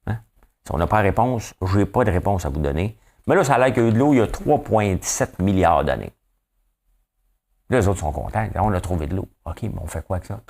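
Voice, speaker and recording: A man's voice: low voice, lively intonation, fairly quick, darkish tone. A man with a Quebec French accent hosting a daily news commentary show, talking casually, rambling and asking rhetorical questions. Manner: rambling, asks rhetorical questions, often tags "hein?".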